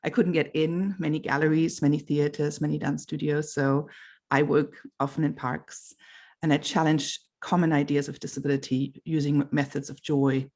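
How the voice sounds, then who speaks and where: A middle-aged woman talks thoughtfully as a panel guest, pausing now and then to find her words. Her voice has a gravelly edge. She speaks over a video call. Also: low-pitched, level tone. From Germany. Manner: thoughtful, warm, with fillers and pauses. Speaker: guest artist. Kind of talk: panel talk. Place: home.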